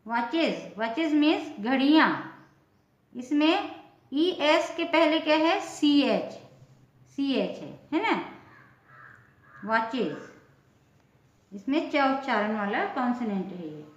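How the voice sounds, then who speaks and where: Slow, high-voiced woman teaching pronunciation. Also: animated, echoey room, lo-fi sound. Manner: spells words letter by letter, then repeats them with meanings. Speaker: English teacher. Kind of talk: slow spelling-out pronunciation lesson.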